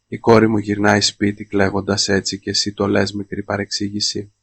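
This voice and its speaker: A man voicing an angry, protective middle-aged father in a storybook, speaking low and cutting. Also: completely flat delivery, fairly bright tone, breathy edge. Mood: cold anger.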